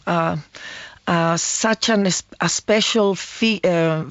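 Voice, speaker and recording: Slow, halting woman in her sixties. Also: fairly low pitch, fairly even intonation, dry recording, lo-fi sound. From Chile. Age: 60s. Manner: halting, searching for words. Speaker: guest. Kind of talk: casual interview talk.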